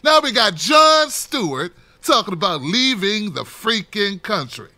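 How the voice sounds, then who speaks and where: A man giving an unscripted political commentary, talking straight to the camera, impassioned and preachy, building to near-shouts. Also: high voice, big pitch swings, measured pace, no room sound.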